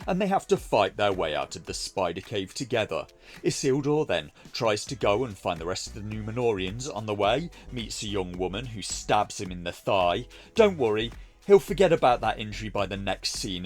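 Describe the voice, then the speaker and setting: A man's voice: on the low side, lively intonation, moderate pace, soft background music. A man delivering a scripted review narration in a mocking, sarcastic manner. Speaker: video reviewer.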